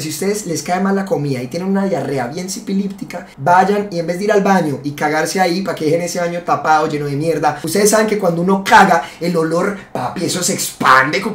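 A man's voice: sits high, roomy sound. Crude young Colombian man reacting. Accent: Colombian Spanish. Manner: crude, loud outbursts, swearing often. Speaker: streamer reacting to confessions. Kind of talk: casual reaction commentary.

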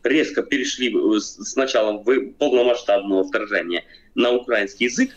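This video chat guest is a forties-aged Ukrainian man in a casual debate, calling from a room at home while seated in an armchair. His medium-pitched voice moves briskly, though he hesitates often, with many fillers and restarts. Audio is dull and lo-fi, muffled through a webcam.

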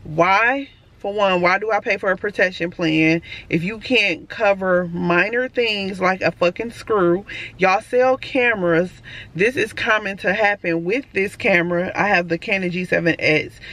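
A woman's voice: mid-range voice, measured pace, fairly bright tone. A woman chatting casually to her camera as a vlogger. She talks straight to her viewers, calls them y'all and swears freely. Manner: blunt, swears freely when venting. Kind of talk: casual vlog chat to camera.

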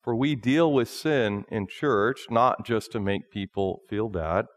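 A man in his thirties, a pastor preaching a sermon from a lectern in a small church, in a slow, measured delivery. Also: on the low side, dry recording, clean studio sound. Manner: slow, measured preaching, often reading from notes.

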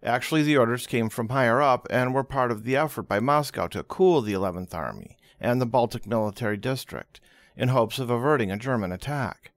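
A man reading a history book aloud as an audiobook, expressive and dramatic, closely recorded. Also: medium pitch, brisk, no room sound. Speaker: audiobook reader.

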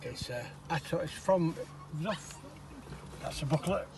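A man's voice: on the high side, moderate pace, vocal fry, background noise. A man showing off his campervan, explaining its gadgets plainly and matter-of-factly. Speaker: van owner giving a tour. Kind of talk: casual show-and-tell. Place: inside a campervan. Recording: background music.

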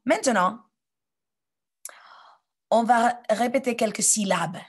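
A woman teaching a phonics lesson to children, saying sounds and words clearly and pausing for them to repeat. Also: on the high side.

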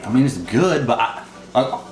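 A man's voice: mid-range voice, big pitch swings, moderate pace, noisy background. Man talking while eating, echoey room. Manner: laid-back, chatty. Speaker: fitness vlogger. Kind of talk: casual vlog chat.

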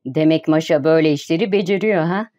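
A woman reading the lines of an idle, gentle young gentleman in an audiobook, in a soft, plaintive way. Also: deep voice, fast talker, dull audio, lightly acted. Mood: polite, shy.

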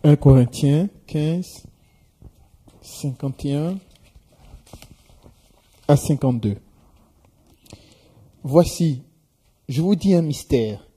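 A man reading a Bible passage aloud in a measured, deliberate way, from some distance from the microphone. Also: fairly high pitch, dark tone, husky. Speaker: scripture reader.

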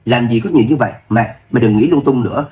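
A man reading the part of a gentle young wife caught between her husband and her mother. She speaks in a soft, pleading way, trying to calm things down. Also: mid-range voice, quick pace, close to an everyday voice.

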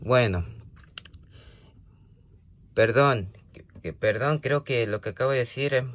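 A man's voice: medium pitch, a little slow, no room sound. Hesitant man rambling, dry sound. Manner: hesitant, full of fillers and restarts, scolding then apologetic. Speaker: vlogger talking to a toy creeper. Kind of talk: rambling casual monologue.

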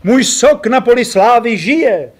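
A man voicing a boisterous, theatrical male mountaineering companion who declaims grand jokes in high, loud outbursts. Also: sing-song. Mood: mock-tragic.

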